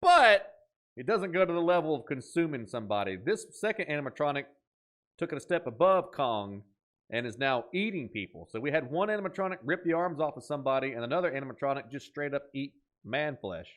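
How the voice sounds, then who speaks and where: A man hosts a horror reaction video in a casual, enthusiastic, animated way, joking around and reading captions aloud. His voice is fairly high and brisk.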